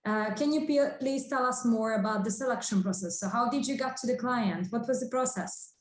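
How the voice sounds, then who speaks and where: A woman hosting a live online interview, asking brisk, upbeat questions. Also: fairly high pitch. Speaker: host. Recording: echoey room.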